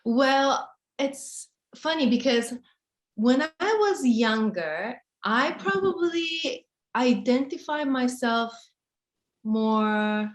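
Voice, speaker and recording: A Japanese woman in her 30s, a model and author whose first language is Japanese, gives casual interview answers. Her high, expressive voice is soft-spoken and halting, full of fillers and restarts. The recording has a roomy echo.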